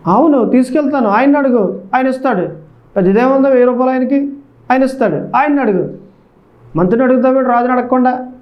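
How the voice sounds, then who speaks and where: A man's voice: very high voice, fairly quick. A man playing a brusque royal minister who scolds a beggar, in a dull lo-fi recording.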